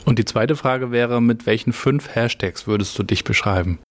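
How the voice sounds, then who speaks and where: A man's voice: mid-range voice, normal speed, no echo. A middle-aged man hosting a podcast, chatty and friendly, with frequent fillers. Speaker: podcast host. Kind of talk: casual interview chat.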